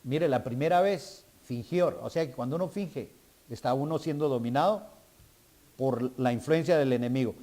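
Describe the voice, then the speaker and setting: A man's voice: mid-range voice, normal speed, mellow. A male guest preacher delivering a sermon, calling for responses from the congregation and building to emphatic preaching.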